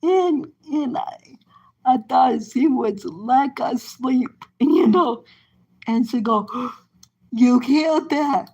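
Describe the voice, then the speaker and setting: A woman with a high voice tells a personal story very slowly. She rambles, circles back and restarts her sentences, filling the gaps with "you know.". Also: vocal fry, darkish tone, husky, poor audio.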